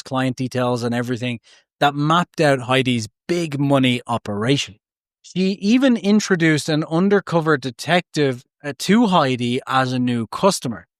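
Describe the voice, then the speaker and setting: A man's voice: medium pitch, dry recording, clean studio sound. A man hosting a podcast, narrating a true story with chatty, jokey asides that often break off mid-thought. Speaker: podcast host.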